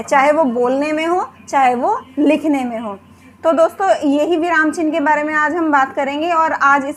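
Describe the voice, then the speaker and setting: Teaching Hindi grammar for exam prep, this high-pitched, slightly bright-voiced woman asks questions and then answers them, leaning on "ठीक है" as a frequent filler. There is slight background noise.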